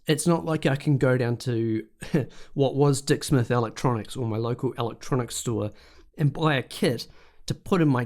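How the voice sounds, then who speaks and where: A man hosting a solo podcast, chatty and jokey, slowing down to stress his points. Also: mid-range voice, a little mellow. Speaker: podcast host.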